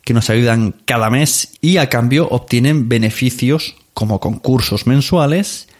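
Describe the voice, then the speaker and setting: Hosting a podcast, a man chats with listeners in a playful, effusive, casual manner while reading reviews. His voice is medium in pitch and a little slow.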